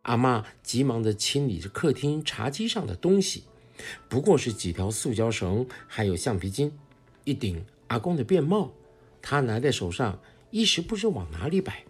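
Animated woman storyteller. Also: extremely low pitch, moderate pace, slightly rough, faint music behind. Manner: expressive, animated reading. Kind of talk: scripted children's story narration.

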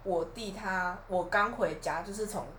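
A woman's voice: mid-range voice, normal speed, slight background noise. A young woman with a Taiwanese Mandarin accent, chatting casually as a podcast co-host and laughing often as she tells stories. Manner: animated storytelling, laughs often. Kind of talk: casual chat.

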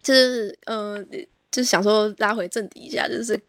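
A woman telling a story in casual chat, animated, laughing often and acting out what people said. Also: medium pitch, normal speed, no room sound, clean studio sound. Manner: animated, laughs often, acts out quoted speech.

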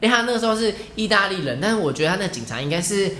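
A woman with a Taiwanese Mandarin accent, telling a travel story in a casual chat as podcast co-host, animated and laughing often. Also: medium pitch, very fast, roomy sound. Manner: animated, acts out quoted voices, laughs often.

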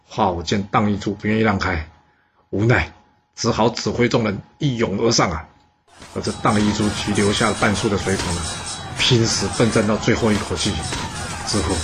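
A man's voice: on the low side, a bit bright. A man telling an ancient history story in a chatty way, with rhetorical questions.

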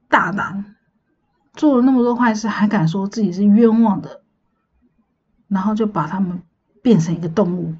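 A woman, casually telling a dream story on her podcast in a chatty, meandering way, often pausing to recall details. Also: mid-range voice, mellow, husky, dull audio. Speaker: podcast host.

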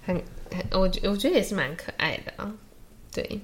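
A woman in her thirties with a Taiwanese Mandarin accent, chatting on a podcast and telling family stories with lively acted-out voices. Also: mid-range voice, fast. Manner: lively storyteller who acts out family members' voices. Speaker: podcast co-host. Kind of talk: casual chat.

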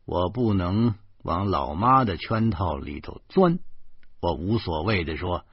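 A man narrating a novel audiobook in the first person, telling the story with lively dialogue. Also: sits low, unhurried, husky, dry recording. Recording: dull lo-fi audio, dry.

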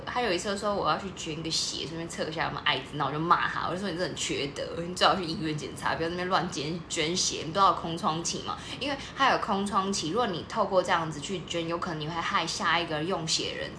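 A woman's voice: on the low side, fast, few pauses. A woman co-hosting a casual podcast chat, talking emphatically in a lecturing way and laughing easily. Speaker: podcast co-host. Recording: echoey room with background noise.

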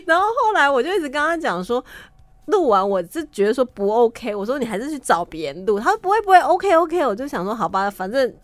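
A Taiwanese-accented woman tells a story in casual chat, her slightly high voice swooping up and down as she acts out what others said. The sound is dry and close to the mic. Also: fast talker, no echo. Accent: Taiwanese Mandarin. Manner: lively storyteller who acts out dialogue.

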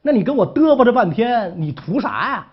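A man's voice: very high-pitched, sing-song, brisk, breathy edge, highs cut off, pitched above the performer's own voice, exaggerated voice. A man voicing an indulgent, frank ancient duke with a chatty, drawling manner. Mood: baffled. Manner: chatty, drawling, says 是吧 a lot.

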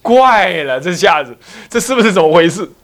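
A fussy, baffled old-tale king, played by a man in a raised voice, exclaiming in short indignant questions. The voice jumps high and swings widely, with a lilt. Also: sing-song, fairly quick, fairly bright tone. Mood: baffled, fretful. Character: flustered middle-aged king, fussy and puzzled.

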